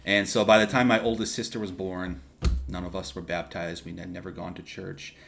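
A young man from Texas, a seminarian guest on a podcast, telling his story casually with lively restarts and asides. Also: low voice, creaky, a little hiss or hum. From Texas, USA. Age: young adult. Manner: animated, quick asides and restarts.

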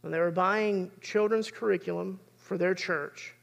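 A man's voice: sits high, steady tone, unhurried, creaky, a bit bright. A man, preaching a sermon as pastor in an earnest, conversational way.

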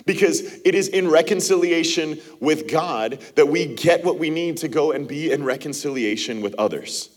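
A man's voice: on the high side, animated, normal speed, hardly any pauses, husky. A man in his thirties preaching a sermon as pastor to a church, talking in a loose, conversational way and acting out little dialogues. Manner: conversational preaching with acted-out quotes and laughs. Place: church auditorium.

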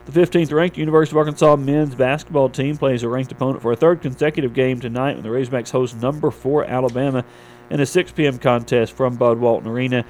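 A man's voice: medium pitch, fairly even intonation, fast talker, darkish tone, poor audio. A man anchoring a local radio newscast, reading sports scores and weather from a script in a studio.

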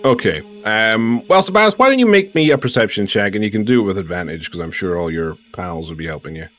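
A man's voice: on the low side, expressive, fast talker, fairly bright tone, no echo. A man running a tabletop game as game master, describing scenes with frequent ums.

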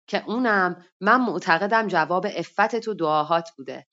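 A woman's voice: fairly low pitch, fairly bright tone, lightly acted. A woman reading as a stern older pious lady. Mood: admonishing. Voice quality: firm, admonishing. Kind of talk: story reading. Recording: dull lo-fi online audio.

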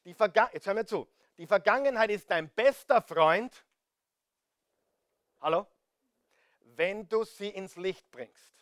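Speaking slowly with long pauses, a high-voiced man with an Austrian German accent delivers a sermon in clean, echo-free studio sound. He addresses listeners directly, pleading with them again and again to listen, asking rhetorical questions as his volume rises and falls dramatically.

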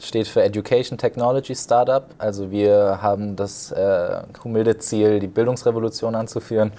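A startup founder from Germany answers a host's questions, his voice lower than most men's and soft and mellow. He explains things earnestly and at length, in a plain conversational register. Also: steady tone, normal speed. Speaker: startup founder, interview guest. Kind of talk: interview answers.

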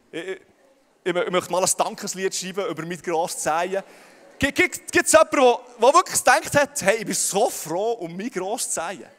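A young man with a Swiss German accent preaches a sermon to a packed hall. He speaks high and talks straight to his listeners, stumbling over repeated words. His voice rings out with a long hall reverb. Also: fairly bright tone. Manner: stammers on repeated words, addresses crowd directly. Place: large hall with audience.

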